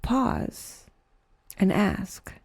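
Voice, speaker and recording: With wry, dry humor, a woman reads a scripted guided meditation in a soft, breathy way, pausing without hurry. Her mid-range voice swings hugely in pitch, and the sound has no echo.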